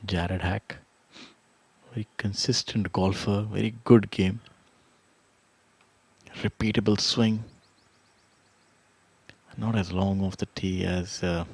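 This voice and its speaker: A man giving live golf commentary in a measured, hesitant way, pausing often as he goes. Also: low-pitched, steady tone, gravelly, darkish tone, slightly rough, no echo. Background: whirring drone blades, outdoor ambience.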